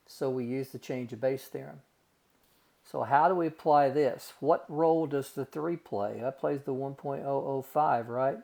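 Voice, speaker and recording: In this recorded math lesson, the teacher's medium-pitched voice is creaky and mellow. He goes through the calculations step by step in a homespun way, calling his students "guys" and "gang."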